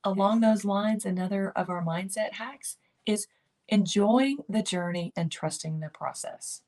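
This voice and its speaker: Speaking to camera on her keto lifestyle channel, this older woman gives upbeat motivational encouragement built on repeated coaching phrases. Her mid-range voice has a darkish tone and a measured pace.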